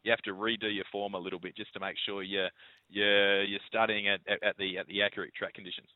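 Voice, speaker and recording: Fast-talking Australian male tipster on the phone. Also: lowish voice, level tone, dry recording. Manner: stammering, repeats words as he goes. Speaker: betting tipster and bookmaker's guest. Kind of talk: live racing odds commentary. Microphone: phone call. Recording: tinny narrowband phone line.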